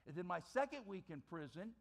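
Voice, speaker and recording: A man giving a personal testimony as a chapel speaker, telling his story dramatically and repeating phrases for emphasis, swinging between loud bursts and quiet low lines. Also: sing-song, brisk, creaky.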